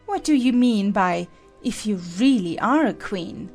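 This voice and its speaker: Woman as imperious Red Queen, swooping pitch. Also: animated, unhurried, faint music behind. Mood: sharp. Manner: sharp, imperious, lecturing. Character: stern, bossy, haughty queen. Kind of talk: dramatized storybook acting.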